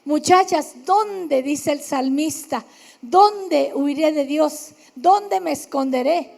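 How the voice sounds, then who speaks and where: A woman's voice: high-pitched, takes it slowly, vocal fry, a little mellow. A middle-aged woman pastor with a northern Mexican accent, preaching emphatically and speaking straight to her listeners. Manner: emphatic, addresses listeners directly, acts out quoted voices. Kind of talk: sermon.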